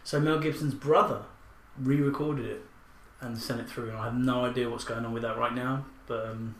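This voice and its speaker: A man's voice: medium pitch, fairly even intonation, moderate pace. A man hosting a podcast, chatting loosely about films and swearing freely. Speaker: podcast host. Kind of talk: casual chat about films. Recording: roomy echo, faint background hiss.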